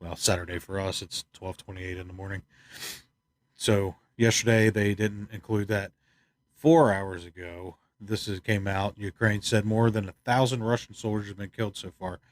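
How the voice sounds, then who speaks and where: A man from the United States giving rambling, opinionated news commentary, tired and stuffed up, clearing his throat often. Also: on the low side, fairly even intonation, moderate pace, dry recording. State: congested, stuffed up. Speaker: channel host. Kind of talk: casual news commentary vlog.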